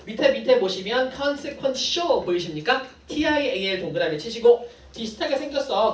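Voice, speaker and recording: A woman English teacher takes her students through a vocabulary lesson, moving quickly from word to word and teasing the class now and then. Her pitch jumps around a lot as she talks. She sounds distant, and the classroom echo hangs around her voice, with a faint room hum behind it. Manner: brisk, playful asides to students. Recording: echoey classroom from far off.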